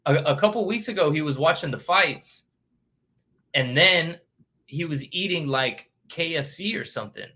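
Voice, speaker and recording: A man's voice: a little high, expressive, normal speed, sharp tone. A man hosting a casual boxing vlog, reading news headlines aloud and chatting with lots of fillers. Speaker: boxing channel host.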